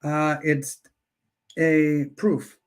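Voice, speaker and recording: A man's voice: fairly high pitch, level tone, extremely slow, clean tone. A man hosting a live coin auction, chatting and joking while he counts down bids. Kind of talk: casual live-stream auction chat.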